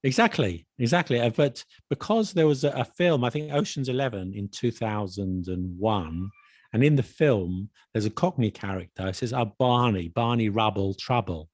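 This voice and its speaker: A man's voice: mid-range voice, lively intonation, moderate pace, a little mellow, no echo. A man co-hosting a casual podcast chat, quizzing his co-host on slang in a playful, dry manner.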